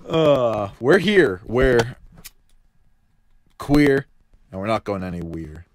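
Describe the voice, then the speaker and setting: A man co-hosting a casual podcast, with his voice run through a distorted, deep, demonic half-robot mic filter. He rambles, swears constantly and laughs often. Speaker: podcast co-host. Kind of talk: casual profane podcast banter.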